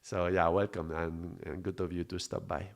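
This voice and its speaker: Man, low-pitched, reflective, unhurried, live-stream spiritual talk. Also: little pitch movement, creaky. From Mallorca, Spain. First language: Spanish. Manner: reflective, unhurried, greets viewers by name.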